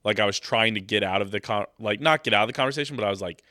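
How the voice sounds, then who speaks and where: Talking very fast in a low, bright, forceful voice, a young man with a cold-stuffed nose hosts a loose, joke-filled sports podcast, rambling into his mic. There is no room sound, just clean studio audio.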